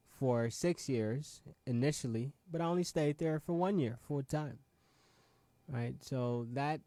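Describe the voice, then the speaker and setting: A man in his late twenties, originally from Ghana, hosts his own show and gives a motivational talk in a mid-range, slightly mellow voice. He keeps pressing viewers with repeated rhetorical questions and frequent "right?" asides. The recording is dry.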